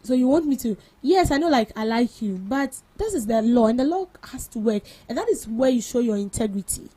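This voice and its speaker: Co-hosting a breakfast radio show, a young Ghanaian-accented woman argues her take on the news firmly and is quick to interrupt with opinions in this casual chat. Her voice is on the high side, expressive, mellow and husky, and the recording is low quality.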